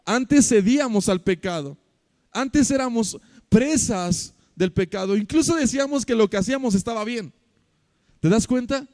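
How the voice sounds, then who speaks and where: A man with a Mexican accent preaches to his church in a high, mellow voice. He tells stories and acts out the people in them. The sound is dry and close, with no room echo. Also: normal speed. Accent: Mexican Spanish. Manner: animated storytelling with acted quotes, swinging loud to soft. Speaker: pastor. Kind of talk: sermon. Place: church hall.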